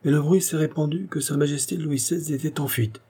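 A man's voice: on the high side, steady tone, brisk, warm tone, husky, pitched above the performer's own voice. A man voicing a stubborn male town prosecutor, polite but insistent, in a historical story.

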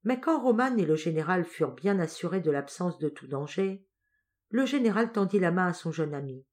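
A woman narrating an audiobook of a classic novel in a measured, expressive reading. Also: lowish voice. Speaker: audiobook reader.

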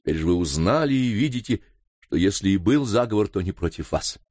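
A man's voice: lowish voice, lively intonation, brisk, darkish tone, dry recording, lightly acted. A man reading an audiobook voices a nervous, evasive male butler.

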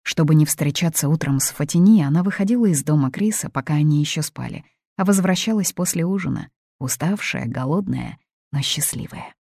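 Woman reading an audiobook, calm and measured, low mellow voice, dry sound. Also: dry recording. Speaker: audiobook narrator. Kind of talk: scripted narration.

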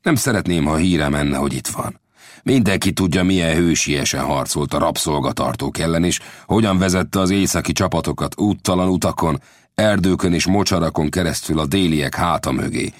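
A man's voice: low-pitched, no room sound, clean studio sound, natural voice. A man voicing a cautious, widowed middle-aged blacksmith in an audiobook, earnest and warning. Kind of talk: audiobook character voice.

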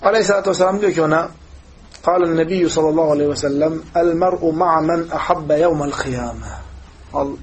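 A male religious teacher giving a hadith lesson, speaking quickly in a high voice. He tells the stories with animation and acts out the people he quotes. A faint hum of room noise sits behind him. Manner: lively storytelling, acting out quoted voices.

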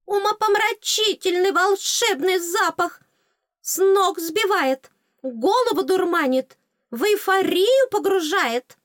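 A woman voicing a small, cheeky female tooth fairy with a squeaky, teasing, excitable voice in an audiobook. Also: slow, dry recording, clean studio sound, heavily acted. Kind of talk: audiobook character voice.

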